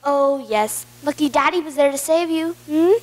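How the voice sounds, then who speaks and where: Woman playing a high-voiced, slyly charming villain lion. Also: moderate pace, natural voice. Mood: coaxing, falsely sweet. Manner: manipulative charm, feigned sweetness. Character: scheming male lion uncle, smooth, manipulative villain. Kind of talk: amateur school stage musical acting. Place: school auditorium stage. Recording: stage play recorded from the audience.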